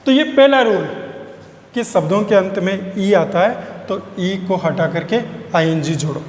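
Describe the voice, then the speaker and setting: High-voiced male teacher. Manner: repeats key phrases slowly, spells words letter by letter. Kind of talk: classroom grammar lesson. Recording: echoey room with long reverb, faint noise.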